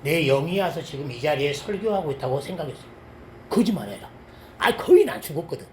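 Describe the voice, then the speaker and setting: High-voiced pastor preaching in an echoey church. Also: male voice, quick pace, a little hiss or hum. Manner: animated storytelling, swinging between loud exclamations and low asides. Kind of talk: sermon with personal testimony. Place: church sanctuary.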